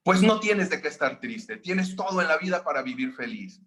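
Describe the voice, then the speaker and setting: A man's voice: a little high, sing-song, moderate pace, a bit bright, reverberant, pitched above the performer's own voice. A man voicing an insistent mother who scolds her son in a demanding tone. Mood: scolding.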